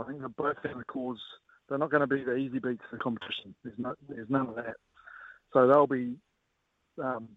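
A man giving casual, measured sports analysis as a guest coach, often pausing with filler phrases. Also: medium pitch, dry recording. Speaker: rugby coach as guest pundit. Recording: narrowband phone-like line.

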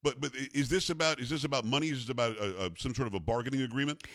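A man's voice: medium pitch, very fast, a bit bright, no echo, studio quality. A man in his fifties hosting a talk radio show, teasing his co-host and then giving blunt opinions in casual banter. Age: 50s.

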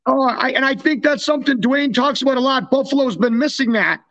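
Fairly quick and extremely high-pitched, this young North American man's voice comes with crowd noise behind it. He co-hosts a podcast, used to play hockey, and talks sports casually, frequently starting sentences over.

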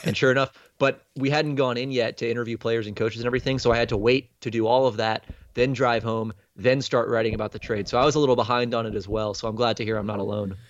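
A man chatting casually about sports as a podcast guest, in a slightly frail voice with some vocal fry, telling things in a rambling, conversational way. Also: mid-range voice, fairly even intonation, fast, hardly any pauses, dry recording, highs cut off.

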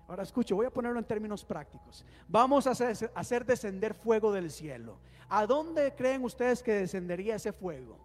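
A man's voice: high-pitched, a little mellow. A man preaching a sermon as pastor, calling on the congregation to respond and leading them in prayer. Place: church hall. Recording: long hall reverb with faint music.

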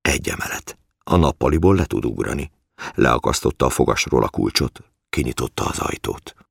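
A man narrating an audiobook in a measured, matter-of-fact way. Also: very deep voice, lively intonation, creaky, husky, dry recording, studio quality.

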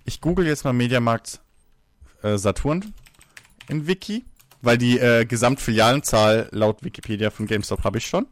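A man's voice: medium pitch, moderate pace, no echo. A man in a heated casual debate, talking emphatically and arguing his point, swearing freely.

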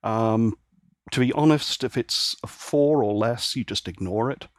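Dry and clean, the studio-sound recording captures a medium-pitched man talking at a measured pace as a podcast guest in his home office. He hails from Northern Ireland but was brought up in England, and in this casual interview chat he stays easygoing, explaining at length with plenty of fillers.

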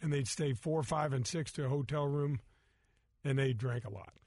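A middle-aged man hosting a casual golf talk show, telling stories with animated quoted voices. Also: medium pitch, moderate pace, slightly rough, no echo. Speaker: golf show host, former tour pro. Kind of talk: casual radio show chat.

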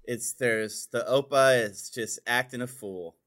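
A man's voice: medium pitch, measured pace, fairly bright tone. A man in a casual group chat, wry and blunt with teasing remarks.

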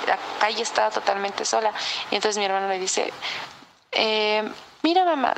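A woman with a Mexican accent telling a personal story in a relaxed, chatty way, with lots of fillers. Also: medium pitch, noisy background. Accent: Mexican Spanish. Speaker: podcast co-host telling a story. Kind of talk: casual storytelling.

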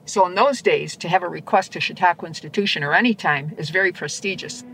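A woman's voice: fairly low pitch, quick pace, creaky, low-quality recording. A woman tour guide telling stories as an interview guest. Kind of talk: storytelling in an interview. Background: faint music.

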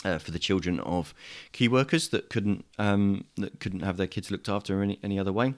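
A man's voice: deep voice, a little fast. An English man hosting a politics podcast over an internet call, talking casually and hesitantly with lots of ums and restarts. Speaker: podcast host. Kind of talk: casual chat. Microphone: video call.

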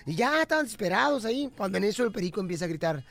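A man's voice: high-pitched, very animated, rapid-fire, gravelly, fairly bright tone. A man hosting a radio joke segment, playful and laughing, acting out characters in his jokes. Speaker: radio show host.

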